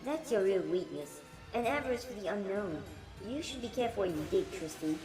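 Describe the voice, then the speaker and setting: A woman's voice: medium pitch, animated, brisk, echoey room, close to an everyday voice. A woman voicing a teasing, sinister winged woman in amateur game voice acting. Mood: coy taunting. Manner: coy, taunting, amateur acting. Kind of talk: amateur game dialogue reading. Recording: music behind the dialogue.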